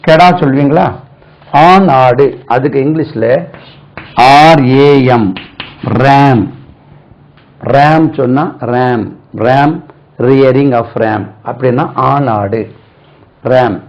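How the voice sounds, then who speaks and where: A man gives a spoken English lesson in Tamil at an unhurried pace and keeps checking with "right?". He spells each word out letter by letter and says example sentences very slowly. The recording sounds dull and lo-fi. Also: mid-range voice, darkish tone. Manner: slow, spells words letter by letter and repeats them. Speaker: English teacher.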